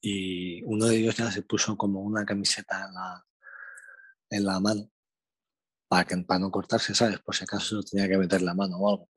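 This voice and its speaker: A young man from Spain with a Spanish accent, telling a slangy, animated anecdote in casual chat. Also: sits low, a little fast, breathy edge, no room sound. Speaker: storyteller.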